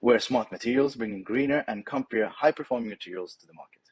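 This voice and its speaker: A man giving a confident, rehearsed startup pitch in a polished way. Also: fast, slight background noise.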